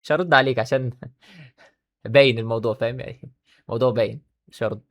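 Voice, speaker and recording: A man with an Egyptian accent, commenting on a video clip in an animated, argumentative way, talking back at the other speaker. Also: medium pitch, fast talker. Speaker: reaction video creator.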